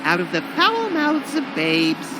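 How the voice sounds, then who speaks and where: A tiny manic cartoon rabbit with a high, bouncy voice. He is flippant and gleefully rude, a game sidekick heard over clearly noisy ambience. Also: wildly swooping pitch, measured pace, full character voice. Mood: snide. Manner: flippant, snide. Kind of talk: cartoon video game voice acting.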